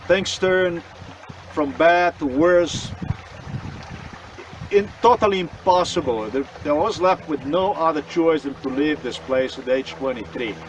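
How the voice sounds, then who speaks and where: Speaking a little slowly in a fairly high voice, a Slovenian man vlogs a personal monologue to camera, recounting his story earnestly and insistently while frequently looping back to repeat himself. The audio is dull, with slight background noise, and he is distant from the mic.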